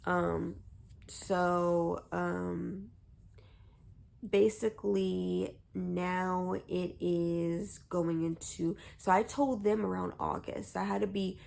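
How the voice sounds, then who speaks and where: A young woman vlogger tells a personal story at an unhurried pace. Her voice has a gravelly, fry-touched edge, and she talks in a rambling, hesitant way full of fillers and restarts. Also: fairly low pitch, steady tone, darkish tone. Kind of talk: casual storytelling to camera.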